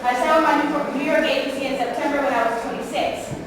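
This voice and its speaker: A woman in her twenties, a model speaking candidly on a panel and quoting others in quick asides. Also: high-pitched, steady tone. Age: 20s. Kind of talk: motivational panel talk. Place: large event hall. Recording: echoey hall recorded from far off with noise.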